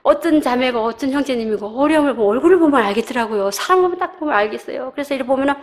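A middle-aged woman giving a personal church testimony, telling her story with animated delivery, acting out voices and laughing. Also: sits high, rapid-fire.

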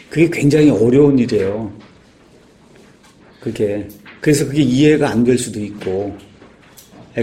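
A man giving an informal sermon, explaining patiently with frequent pauses and filler words. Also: medium pitch, dark tone, slight background noise. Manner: halting, many "ye" fillers, explanatory. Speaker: guest speaker.

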